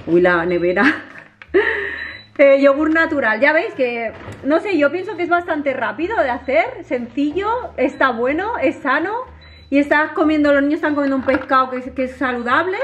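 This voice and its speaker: A chatty woman from with a high voice talks straight to her viewers in a casual home vlog. She stays animated and friendly, speaking from her kitchen. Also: a little fast, lo-fi sound, a little hiss or hum. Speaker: vlogger.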